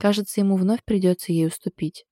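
A woman narrating a romance audiobook in a calm, even storytelling manner. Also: mid-range voice, quick pace, no echo, clean studio sound.

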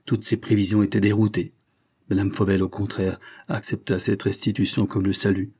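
A man reading a classic novel aloud in a steady, measured audiobook narration. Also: lowish voice, husky.

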